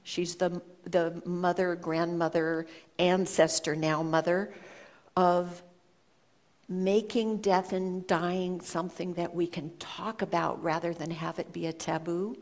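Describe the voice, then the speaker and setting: A woman giving a reflective storytelling talk to an audience, speaking in an earnest, measured way with pauses. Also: lowish voice, level tone, darkish tone. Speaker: speaker sharing a personal story.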